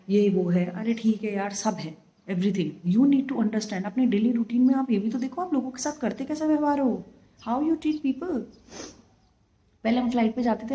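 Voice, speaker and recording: Exasperated woman venting, mellow voice. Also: fairly high pitch, muffled recording. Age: 30s. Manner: exasperated, emphatic, mixing English into Hindi. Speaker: vlogger, former flight attendant. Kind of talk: candid personal vlog monologue.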